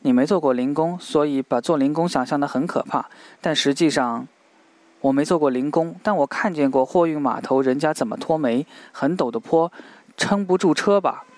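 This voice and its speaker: A man's voice: a little high, moderate pace, no room sound, close to an everyday voice. A man reading the lines of an earnest young male geologist who pleads with worry. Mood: pleading.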